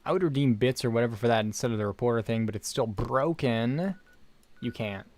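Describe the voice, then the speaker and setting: A male game streamer chats loosely while he plays, rambling and joking with his viewers. His voice sits at an ordinary middle pitch and his delivery stays casual and unscripted. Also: brisk, darkish tone. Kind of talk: casual live gameplay commentary.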